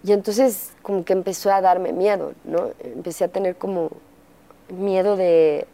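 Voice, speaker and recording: Warm-voiced Mexican woman telling her story. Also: on the low side, fairly even intonation, measured pace. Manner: candid storytelling, acting out quoted dialogue, frequent fillers. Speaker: interview guest. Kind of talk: personal testimony in conversation.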